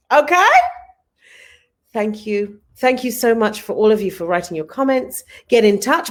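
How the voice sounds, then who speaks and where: Effusive woman hosting a live show. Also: medium pitch. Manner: effusive, upbeat. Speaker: host. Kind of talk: live online talk show sign-off.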